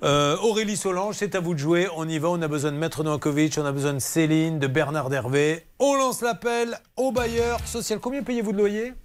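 Teasing radio host, high voice. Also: male voice, lively intonation, brisk, few pauses, soft background music. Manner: teasing, playful. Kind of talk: joking consumer-help radio talk.

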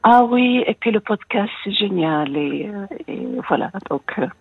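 A woman's voice: mid-range voice, expressive, measured pace, breathy edge. A woman in her sixties with a slight American accent, calling in to a radio show and confiding hesitantly with many fillers over a phone line. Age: 60s. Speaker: caller. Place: home in the United States.

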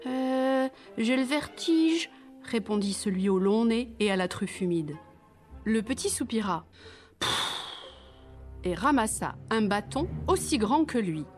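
Woman reading a kids' story really slow, playful asides, faint music behind. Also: mid-range voice, lively intonation.

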